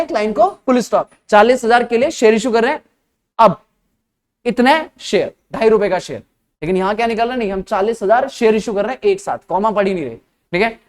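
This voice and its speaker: A male accounting lecturer with an Indian accent, teaching casually and quizzing his students. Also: high-pitched. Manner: conversational, asks students questions. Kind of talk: classroom lecture.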